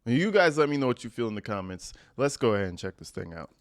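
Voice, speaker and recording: A man with a medium-pitched voice and big pitch swings talks fast, hosting a reaction livestream. His commentary is casual, opinionated, blunt and profane, delivered conversationally. The recording is very noisy.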